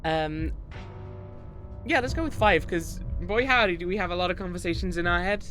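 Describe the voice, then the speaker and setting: A man's voice: high-pitched, normal speed, sharp tone, faint music behind. A man game streamer giving casual commentary, thinking aloud as he plays.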